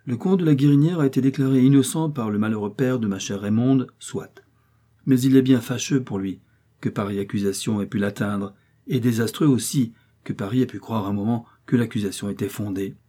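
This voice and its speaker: A man reading as a loyal army captain in a storybook, blunt and forthright, speaking his mind briskly. His tone stays mellow and a little husky. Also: mid-range voice, lightly acted.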